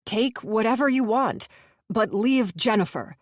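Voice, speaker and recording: A woman's voice: on the high side, expressive, measured pace, no echo, clean studio sound. A woman voicing a frightened man in an audiobook, pleading with a quivering voice.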